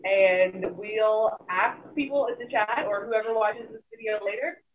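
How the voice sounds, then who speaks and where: A co-host calling in on a live stream, whose voice sounds hollow and echoing, as if in a tunnel, speaking slowly and casually. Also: mid-range voice. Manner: relaxed, speaks slowly on purpose. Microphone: phone call played through a Bluetooth speaker. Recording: dull, distant, lo-fi call audio.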